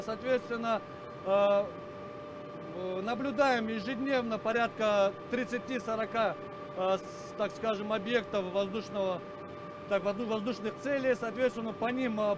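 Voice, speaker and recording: A serviceman giving a halting, formal interview explanation, searching for words. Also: sits high, steady tone. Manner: hesitant, formal. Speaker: radar station serviceman. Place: cramped military equipment cabin. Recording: clear equipment and vehicle-like noise.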